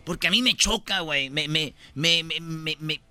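A man's voice: a little high, unhurried, sharp tone, smooth, no room sound. A man with a Mexican accent hosting a comedy radio show. He tells the news stories as rambling jokes, stumbling and repeating words as he goes. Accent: Mexican Spanish. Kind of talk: joking radio banter.

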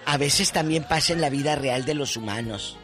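A man's voice: medium pitch, normal speed. A man with a Mexican accent co-hosting a radio show, chatting in a playful, teasing, colloquial way. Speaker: radio co-host. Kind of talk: casual radio chat. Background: faint music.

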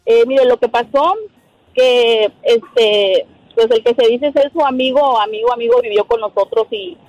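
A woman's voice: fairly high pitch, a little slow, a little mellow, no room sound, faint music behind. A woman calling into a radio show, telling her story hesitantly with many fillers. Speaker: caller. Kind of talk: phone-in call. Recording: dull phone line.

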